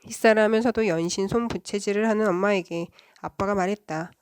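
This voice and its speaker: A woman reading a children's novel aloud in a soft, even voice. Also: medium pitch, a little fast, smooth, no room sound, studio quality. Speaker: children's book reader. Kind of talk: storybook read-aloud.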